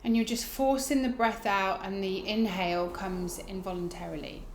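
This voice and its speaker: A woman teaching a yoga breathing technique, explaining it informally and guiding gently with soft phrase endings. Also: mid-range voice, steady tone, moderate pace, slight background noise. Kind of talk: instructional demonstration, casual explaining. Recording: roomy, echoing indoor sound.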